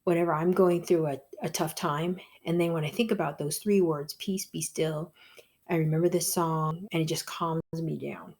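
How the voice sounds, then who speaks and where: A woman giving a gentle devotional talk, telling a story in a slow, soft-spoken way. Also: low-pitched, fairly even intonation, breathy edge.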